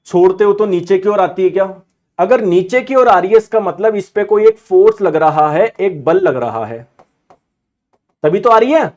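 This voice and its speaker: A man teaching an exam-prep physics lesson in a lively way, often asking questions and answering them himself. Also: sits high, moderate pace, dull audio. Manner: lively, asks and answers his own questions; acts out students' objections in asides.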